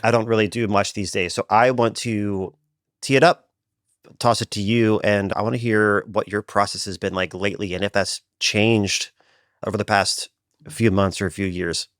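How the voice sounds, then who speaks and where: A man's voice: on the low side, steady tone, normal speed, dry recording, clean studio sound. Tired man chatting as podcast co-host. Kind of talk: casual chat.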